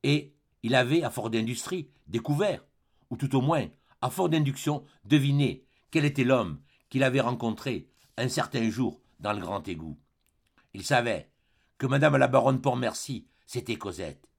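Husky, expressive male audiobook narrator. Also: medium pitch, normal speed. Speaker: audiobook reader. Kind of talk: scripted narration of a classic novel.

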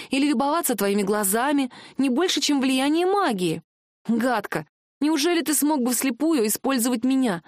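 A woman's voice: sits high, no echo, close to an everyday voice. A woman reading a story and voicing a distraught young heroine who pleads and rises close to tears. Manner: pleading, rising, near tears.

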